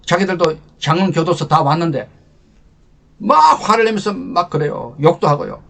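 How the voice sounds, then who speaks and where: Husky older man telling a war story. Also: a little high, moderate pace. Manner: emotional storyteller, animated swings from loud to hushed. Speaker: lecturer and channel host. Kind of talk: personal war story told as a leadership talk.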